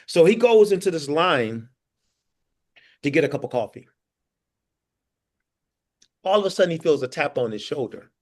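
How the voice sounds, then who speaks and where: On a video call, a man leading an interactive online workforce training session shares stories, laughing often and asking his listeners questions. His voice is fairly high in pitch, with a slightly bright quality.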